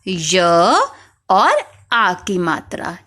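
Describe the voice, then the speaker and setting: A woman teaching young children spelling, slowly spelling out each word letter by letter and asking them questions. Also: on the low side, sharp tone. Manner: slow, spells words letter by letter, asks questions.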